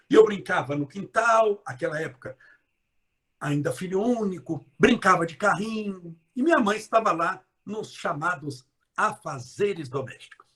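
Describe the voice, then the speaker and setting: Lively high-voiced man giving a live motivational talk. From interior of São Paulo state, Brazil. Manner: emphatic, with drawn-out stressed words and sudden loud bursts; addresses listeners directly with playful questions. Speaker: motivational speaker.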